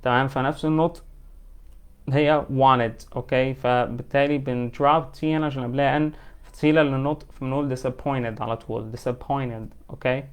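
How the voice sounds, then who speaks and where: A man with an Egyptian Arabic accent teaching an English lesson, explaining in colloquial Arabic and reading English example sentences slowly and carefully. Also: medium pitch, fairly even intonation, smooth.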